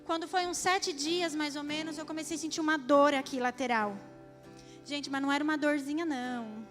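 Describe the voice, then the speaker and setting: A woman with a high voice tells her story as a church testimony, turning often to the congregation. Her delivery is heartfelt and direct. A faint guitar plays behind her. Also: fairly even intonation, brisk, a bit bright. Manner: emotional, addresses the audience directly. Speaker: church speaker giving testimony. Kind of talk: testimony sermon.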